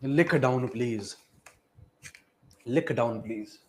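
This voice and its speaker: A man teaching a live online chemistry class, who repeats each phrase, calls the students "beta" and dictates notes slowly. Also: mid-range voice, a little hiss or hum.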